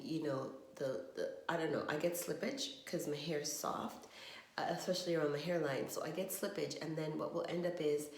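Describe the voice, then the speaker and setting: A woman's voice: low voice, darkish tone. A woman vlogging on her phone from her bathroom, rambling in a frustrated, trailing way. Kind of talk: casual vlog monologue. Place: home bathroom. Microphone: phone camera. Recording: echoey bathroom phone recording.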